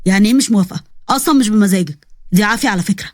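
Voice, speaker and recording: A gruff, short-tempered young Egyptian police officer, played by a woman storyteller, his voice pushed low and blunt. He scolds in quick, exasperated bursts. The storybook recording sounds dry and close. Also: no echo, lightly acted. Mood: firm. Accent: Egyptian Arabic.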